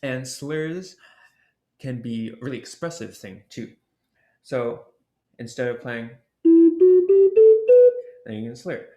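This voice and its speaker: A man presenting an ocarina workshop, explaining technique in a relaxed way and sounding out the syllables as he goes. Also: mid-range voice, slow, long pauses, faint music behind. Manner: casual, explains with demonstration syllables and fillers. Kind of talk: instructional explanation. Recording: roomy echo.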